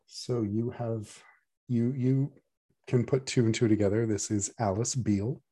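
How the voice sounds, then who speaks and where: A man narrating a tabletop game as game master, relaxed and conversational. His voice is mellow and dark in tone, sitting at an ordinary middle pitch. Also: measured pace, slightly rough. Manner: casual, with restarts and fillers.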